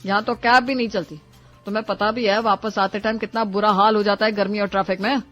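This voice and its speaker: A woman's voice: medium pitch, steady tone, fast talker, fairly bright tone, faint music behind, natural voice. A woman voicing a put-upon young husband in a cartoon, complaining and teasing by turns. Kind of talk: cartoon voice acting.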